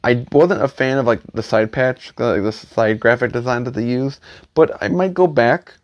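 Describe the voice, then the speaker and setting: A man records a casual, rambling vlog with a dry, close sound and no room echo. He speaks at a middling pitch in a grumbling back-in-my-day rant. His delivery is opinionated and halting, often restarting and correcting itself. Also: dull audio. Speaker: hat collector vlogger.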